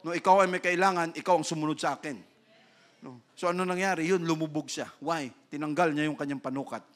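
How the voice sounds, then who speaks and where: A male pastor from the Philippines giving an animated sermon, switching between Tagalog and English, acting out voices and checking in with "No?". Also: on the high side, quick pace.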